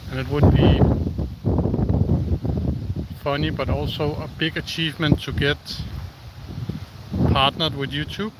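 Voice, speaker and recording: A Danish man with a medium-pitched voice live-streams while walking outdoors in the countryside, chatting casually. He speaks slowly and haltingly with many pauses and fillers, and the recording is very noisy.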